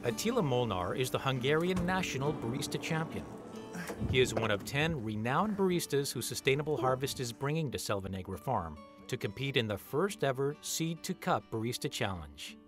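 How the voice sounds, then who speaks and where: Male narrator, mid-range voice, scripted documentary read over clear guitar music. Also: mid-range voice, expressive, moderate pace.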